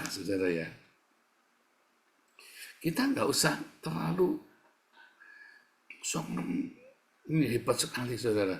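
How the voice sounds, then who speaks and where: A man's voice: mid-range voice, pushed and bright. A man preaching a humorous sermon, teasing the congregation and talking to them like a friend. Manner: conversational, addresses listeners as brothers and sisters.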